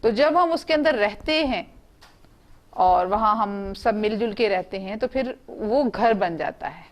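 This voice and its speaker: A woman's voice: mid-range voice, lively intonation, unhurried. A woman teaching young students in an online class, speaking, spelling out words letter by letter and asking the class questions.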